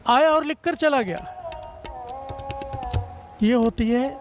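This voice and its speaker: A man's voice: extremely high pitch, takes it slowly, music in the background. A man preaching a devotional sermon, fervently leading the congregation in call-and-response and sometimes slipping into sung phrases.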